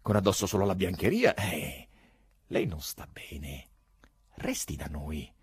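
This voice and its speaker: Male reader as a calm asylum doctor; low, soft, husky. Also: normal speed, exaggerated voice. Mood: soothing.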